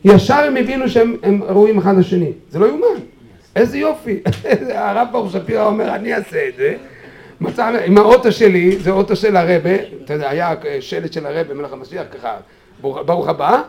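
A man speaking at a memorial gathering, telling a personal story in an animated way and acting out quotes with sudden shouts, then urging his listeners on fervently. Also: high-pitched, vocal fry. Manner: animated, acts out quotes with sudden shouts, many fillers and restarts. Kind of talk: personal storytelling eulogy, turning into fervent exhortation.

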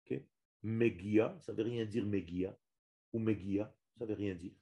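Teaching a small group a religious lesson on Hebrew, a man speaks emphatically in a warm, steady, fairly low voice with vocal fry at a normal pace. He repeats and restarts phrases, stressing each Hebrew term.

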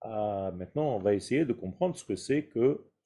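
A man's voice: on the low side, animated, normal speed, warm tone. A man giving a spoken Kabbalah lesson, explaining patiently with rhetorical questions and Hebrew terms mixed in. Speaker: Kabbalah teacher.

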